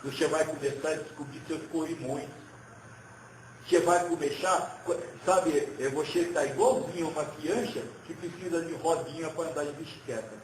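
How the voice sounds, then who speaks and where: Um médium homem transmitindo uma mensagem espiritual, falando devagar, hesitando e repetindo palavras. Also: male voice, fairly high pitch, reverberant, slight background noise, poor audio. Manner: slow, hesitant, repeats words. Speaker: spirit medium giving a message. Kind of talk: channeled spiritual teaching.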